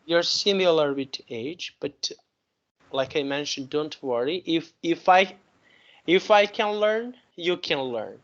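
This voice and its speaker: A man's voice: on the high side, animated, measured pace, a bit bright, lo-fi sound. A man in his late thirties with a Serbian accent, teaching an online English lesson and encouraging his student, repeating words for emphasis. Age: 30s.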